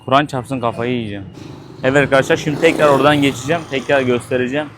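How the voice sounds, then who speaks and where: A man's voice: medium pitch, fairly even intonation, racing. A man filming a travel vlog on a busy street, talking straight to his viewers with shocked exclamations and swearing. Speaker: travel vlogger. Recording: faint street noise behind.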